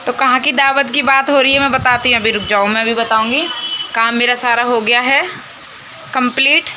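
High-voiced teasing woman vlogger, noisy room. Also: fairly even intonation, moderate pace. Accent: Agra Hindi. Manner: teasing, playful with a child. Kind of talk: casual home vlog chat.

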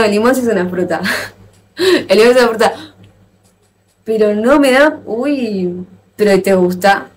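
A woman with an Argentine accent chatting casually with viewers on a live stream, playful and quick to exclaim and laugh. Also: medium pitch, a little mellow. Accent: Argentine Spanish. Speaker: livestreamer.

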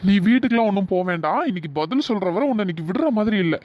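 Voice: medium pitch, expressive, racing, close to an everyday voice. A performer voicing a pushy, lovestruck young man who is insistent and exasperated. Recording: dull, dry lo-fi audio.

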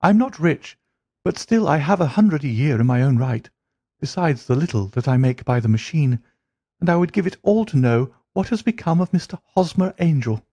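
A man's voice: animated, warm tone, no echo. A man voicing an earnest, flustered young woman pouring out her troubles in a storybook reading. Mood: pleading. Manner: breathless, rushing, rising high pitch.

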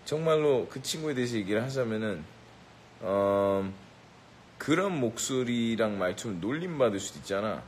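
A man with a slightly low voice jokes around with a live crowd. His tone is brash and boastful, and he barks playful orders and taunts. A faint rumble sits underneath. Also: animated, normal speed, low-quality recording. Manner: brash, boastful, mock-bossy. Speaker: rapper addressing a live audience. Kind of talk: teasing live banter.

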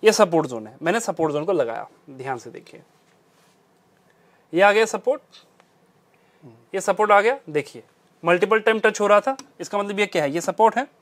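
A man's voice: sits high, animated, moderate pace, long pauses. A man teaching a stock trading strategy over a chart, stressing and repeating his key points. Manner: emphatic, repeats key phrases. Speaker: trading instructor.

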